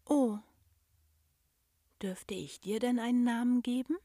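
A woman's voice: takes it slowly, warm tone, no echo, studio quality. Hymi, a woman doing a timid young elf girl. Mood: eager. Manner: high, timid, stammering. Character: young female Christmas elf, timid and sweet.

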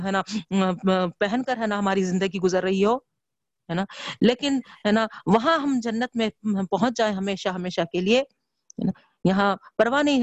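A woman's voice: medium pitch, no echo, lo-fi sound. Lady teaching quran commentary, says the same filler every few words, dry close sound. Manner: repeats a tag filler constantly, emphatic rhetorical questions. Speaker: religious teacher.

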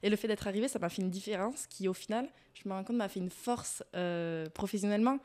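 A woman's voice: medium pitch, quick pace, a little mellow. A woman in her twenties with a Southern French accent, chatting as a podcast guest and telling stories with self-mocking humor. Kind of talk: casual podcast chat.

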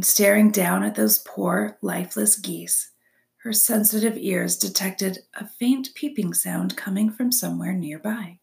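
A woman reading a chapter book aloud as a storyteller, expressive and dropping to soft whispers for suspense. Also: medium pitch, vocal fry. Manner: expressive, drops to soft whispers for suspense, asks listeners questions.

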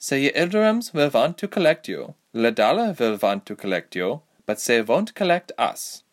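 A man's voice: mid-range voice, sing-song, normal speed, pitched above the performer's own voice, natural voice. A man reading aloud, voicing a formal, aloof mermaid royal who answers stiffly. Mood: formal, haughty. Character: cold, formal mermaid princess, haughty.

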